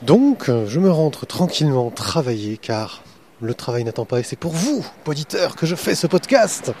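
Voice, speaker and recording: A man's voice: on the high side, big pitch swings, moderate pace, darkish tone, slight background noise. A man hosting a podcast, interviewing a comic artist at a festival and then chatting about his day there with many fillers.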